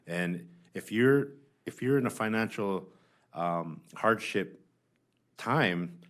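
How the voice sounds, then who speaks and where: Man, low pitch, hearing witness, earnest, insistent, halting phrases. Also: expressive, fairly bright tone. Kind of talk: spoken testimony, answering questions.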